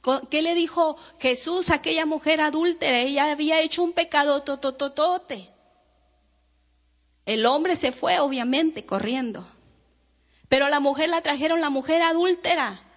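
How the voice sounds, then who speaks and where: A woman's voice: high-pitched, moderate pace, fairly bright tone, in a large hall. A woman preacher giving a fervent sermon to her congregation, calling them brothers and sisters and acting out the prayers she quotes. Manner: dramatizes quoted prayers and speech.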